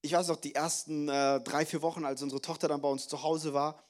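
A young male pastor preaches with a high, bright-sounding voice. He speaks in a lively, joking manner, mixing English phrases into his sermon. His delivery swings between energetic emphasis and quieter, personal storytelling. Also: brisk.

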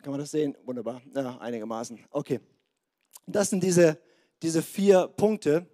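A high-voiced man preaching in a loose, conversational way, dropping into little voices for the people in his stories. His voice sounds slightly strained today, and he keeps the congregation close with quick asides. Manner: lively, conversational, acts out biblical voices. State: strained voice this morning. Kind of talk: sermon.

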